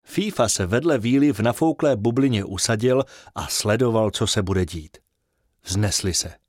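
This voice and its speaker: A man reading a children's bedtime story aloud in an expressive, sing-song way. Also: on the low side, no room sound, studio quality.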